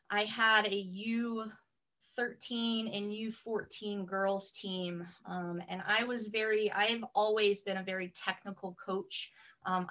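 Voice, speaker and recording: A woman from the US East Coast, a soccer coach in her thirties or forties, talking through her career in a casual interview with many "um"s. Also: mid-range voice. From Connecticut, US East Coast. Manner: steady and matter-of-fact, many "um"s. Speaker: soccer coach and private trainer, podcast guest.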